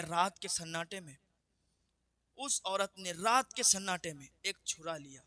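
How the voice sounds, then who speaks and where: A man's voice: high-pitched, sharp tone, no echo. A man telling a religious moral tale in an earnest preaching cadence that repeats each point. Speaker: religious storyteller.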